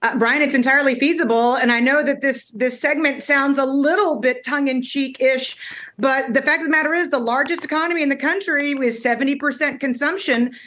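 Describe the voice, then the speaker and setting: A woman economist giving analytical, measured commentary as a guest on a TV news show. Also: high-pitched, a bit bright. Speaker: economist and research CEO.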